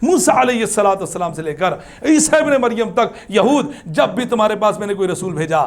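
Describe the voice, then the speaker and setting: A male teacher leads a religious class in an animated, emphatic way. His voice sits fairly high and climbs higher when he stresses a point. He slows down to chant scripture between plain explanations. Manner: animated, rises high for emphasis, chants Arabic verses slowly; ends in soft, low supplication. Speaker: Islamic teacher.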